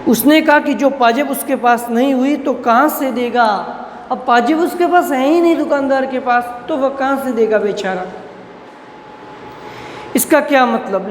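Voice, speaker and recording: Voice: mid-range voice, a little hiss or hum. College teacher, reads a line then explains it, echoey room, long reverb. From Rajasthan, India. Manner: reads a line, then restates it in plain words. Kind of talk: reading and explaining a Hindi story line by line.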